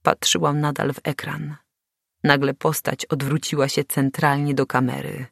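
A woman's voice: low-pitched, little pitch movement, moderate pace, creaky, no echo, studio quality. Woman narrating a tense audiobook. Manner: tense, dramatic storytelling. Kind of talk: first-person audiobook narration.

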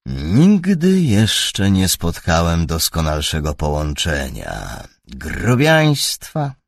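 Slow, gravelly male audiobook narrator. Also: low voice, wildly swooping pitch, no room sound, studio quality. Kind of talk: scripted narration.

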